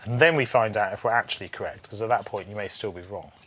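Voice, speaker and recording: A man's voice: lowish voice, quick pace, fairly bright tone, husky. A man hosting a puzzle game playthrough, chatting casually with dry, wry humour as he thinks aloud.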